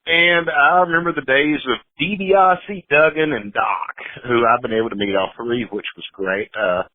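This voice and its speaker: A man from the Atlanta area of Georgia, joking and telling animated stories as a guest in a casual interview. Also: mid-range voice, normal speed, no echo, phone-quality sound. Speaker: podcast guest.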